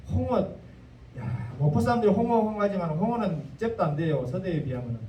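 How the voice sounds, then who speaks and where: Folksy Jeolla pastor preaching in an echoey church. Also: male voice, high voice, mellow, a little hiss or hum. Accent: Jeolla Korean. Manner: folksy and joking, slipping into dialect asides. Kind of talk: sermon. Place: church sanctuary. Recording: echoey church hall, mic at a distance.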